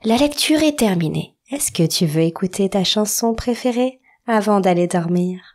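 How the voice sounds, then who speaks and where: A woman playing a mother softly coaxing her little daughter to bed. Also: medium pitch, expressive, normal speed. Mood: tender. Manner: soft, coaxing.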